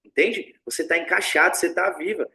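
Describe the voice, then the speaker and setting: A man's voice: a little high, brisk. A man teaching tantra in a casual spiritual talk, blunt and slangy, often swearing and acting out what other people say. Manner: blunt, slangy and profane, animated, acts out quoted voices.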